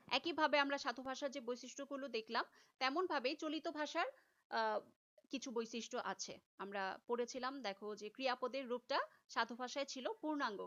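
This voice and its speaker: High-voiced woman teaching a lecture. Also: fairly bright tone, highs cut off. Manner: explains step by step, repeats key terms. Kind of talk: recorded class lecture.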